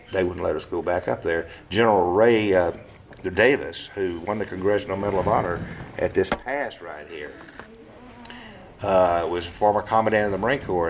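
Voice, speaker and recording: A deep-voiced man in his seventies speaks plainly and bluntly, with some cursing, about his life in a casual oral-history interview at home in his living room. He halts frequently, stopping and starting over with "uh."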